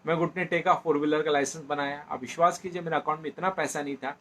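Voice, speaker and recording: Man sharing his testimony to a church crowd, bit high voice, lots of fillers and repeats, faint noise behind. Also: steady tone, fast, fairly bright tone. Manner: storytelling, repeats phrases, many fillers. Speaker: speaker giving a personal testimony.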